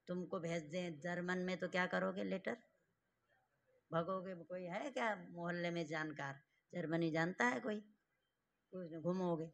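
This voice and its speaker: A man teaching a grammar class to students in a classroom, slowly drilling them with repeated questions and giving stern, fatherly advice. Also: high voice, creaky, pushed and bright. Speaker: Sanskrit teacher.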